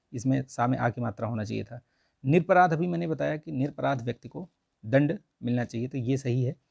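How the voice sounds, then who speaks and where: A man's voice: medium pitch, creaky, darkish tone, no room sound, clean studio sound. A man teaching an online Hindi grammar lesson for an exam, explaining patiently and saying "theek hai" again and again. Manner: repeats "theek hai" constantly, coaxing and explanatory.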